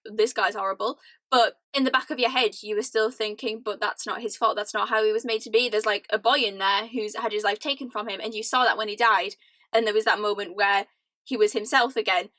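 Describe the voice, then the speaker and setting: A young British woman ranting casually to camera, animated and laughing often, with lots of "like". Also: a little high, no room sound. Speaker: vlogger. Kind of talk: casual chatty rant to camera.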